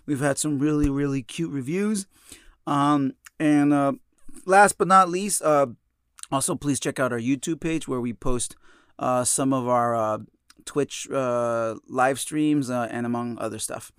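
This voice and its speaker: A young man co-hosts a podcast in casual chat. He rambles and stacks up fillers as he goes. His voice sits at a middling pitch and sounds close and dry, with no room sound. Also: unhurried, clean tone, dry recording. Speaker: podcast co-host.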